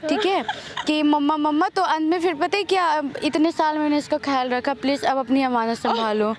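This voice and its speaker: A woman's voice: high-pitched, moderate pace. A young woman hosting a prank vlog out in public, chatting to the camera and bossing passers-by in a bubbly, teasing way. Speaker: vlogger and prankster. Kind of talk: casual prank vlog talk. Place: outdoors in a public street with traffic. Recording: traffic noise behind.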